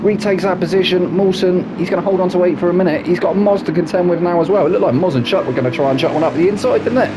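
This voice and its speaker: This race commentator talks fast with barely a pause, his voice snuffly from hay fever as he calls a sim racing league. He's chatty, keeps throwing in tag questions, and drops his voice low for asides. Loud game engine noise roars behind him.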